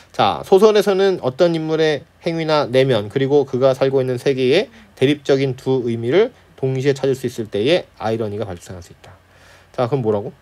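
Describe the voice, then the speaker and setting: A man's voice: mid-range voice, darkish tone. A man tutoring students through an exam problem set, chatty, often asking "right?" and scoffing at wrong answer choices. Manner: acts out characters in quick playful asides. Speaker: Korean literature tutor. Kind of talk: exam lecture walkthrough.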